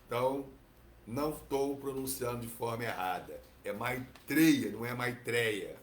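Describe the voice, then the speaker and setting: A man with a Brazilian Portuguese accent teaching from scripture, relaxed and digressive, often adding tag questions. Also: mid-range voice, fairly quick, reverberant, a little hiss or hum. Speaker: Bhagavatam teacher. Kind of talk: reading and commentary on scripture.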